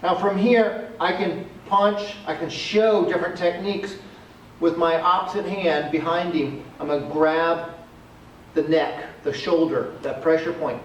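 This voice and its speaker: A man's voice: a little high, steady tone, a little slow, a little hiss or hum. A male martial arts instructor explaining self-defense techniques step by step while he demonstrates them, recorded outdoors. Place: outdoors on a cement area. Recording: echoey, distant camera audio.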